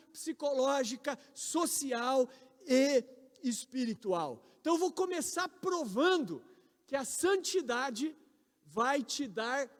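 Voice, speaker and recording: A Brazilian man in his forties, a pastor, preaching a sermon with emphatic, loud peaks on key words. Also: extremely high pitch. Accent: Brazilian Portuguese. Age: 40s. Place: large church hall. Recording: reverberant church hall.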